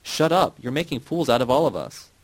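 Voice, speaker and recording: A man's voice: medium pitch, very animated, a little fast, no room sound, low-quality recording. A man voicing an embarrassed, meek man who snaps under strain.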